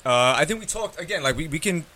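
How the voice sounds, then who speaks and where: A man's voice: fairly high pitch, lively intonation, fast talker, pushed and bright. A young man in his twenties co-hosting a casual podcast, rambling frankly with lots of fillers. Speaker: podcast co-host. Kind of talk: casual chat.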